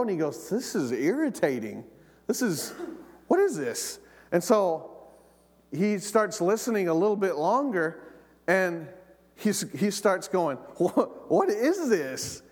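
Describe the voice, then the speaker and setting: A man preaching a sermon as pastor, praying and telling stories, animated, often repeating words and asking the congregation questions. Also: fairly high pitch, long reverb tail. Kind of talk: sermon with prayer and storytelling.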